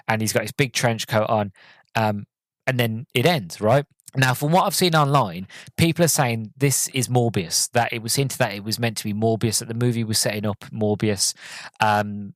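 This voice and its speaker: A man hosting a solo podcast, recapping a film in a loose, rambling way with many fillers and restarts and sudden bursts of excitement. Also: lowish voice, no echo. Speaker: podcast host reviewing a film.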